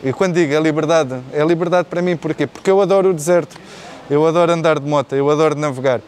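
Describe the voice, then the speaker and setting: A Portuguese man in his forties, a guest rally rider, answers interview questions outdoors in a courtyard laid with artificial grass. His voice is fairly high and darkish in tone, and he talks quickly over slight background noise. He comes across as earnest, with a Portuguese accent, often restarting and repeating words while hunting for phrases.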